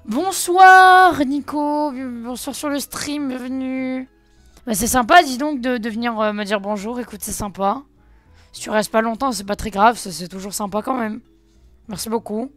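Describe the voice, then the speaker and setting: French woman streamer chatting halting. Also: mid-range voice, no room sound. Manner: chatty, halting, with many restarts. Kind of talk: live game stream chat. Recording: faint game music behind.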